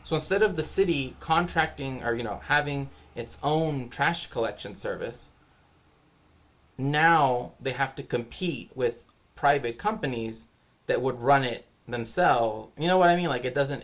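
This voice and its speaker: A man's voice: medium pitch, measured pace, a bit bright. A man streaming as a cultural historian, explaining his views in a casual, rambling monologue.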